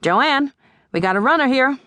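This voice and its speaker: A nerdy, helpful airline clerk calls out in a lifted, chatty voice, as a woman narrator puts him on. The delivery is lively and friendly. The sound is close and dry. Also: sits high, moderate pace, dry recording, pitched above the performer's own voice. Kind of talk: audiobook character voice.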